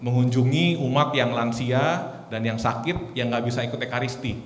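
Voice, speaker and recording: A man's voice: medium pitch, normal speed. A man in his thirties, a lay preacher giving a casual, story-filled sermon at a prayer meeting. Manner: casual, chatty, storytelling with laughs. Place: large echoey church hall. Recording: echoey hall, faint noise.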